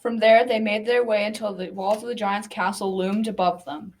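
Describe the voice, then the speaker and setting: A girl of about twelve or thirteen narrates a folktale radio drama from a script, now and then stumbling over words. Her female voice is medium-pitched, steady, a little mellow and lightly acted, at a moderate pace. The recording is a noisy amateur school production.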